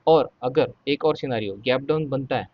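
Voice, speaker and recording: Over a dry, dull-sounding recording, a man with a mid-range voice who teaches stock market trading explains charts step by step in a casual lesson. He keeps checking in with the listener, says "ठीक है" frequently, and mentions that he'll talk slowly.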